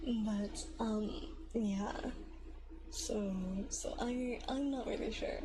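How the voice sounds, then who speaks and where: A woman hosting a soft-spoken livestream from her apartment on a binaural mic, talking smoothly and quietly, often in a whisper, and chatting in a rambling way. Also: a little high, fairly even intonation, slow, background noise. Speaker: ASMR livestream host. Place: home apartment. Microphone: binaural dummy-head mic.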